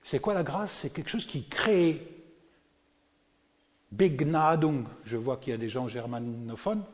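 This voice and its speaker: A man preaching a sermon to a congregation, animated and often putting questions to his listeners. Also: mid-range voice, unhurried, in a large hall. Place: church.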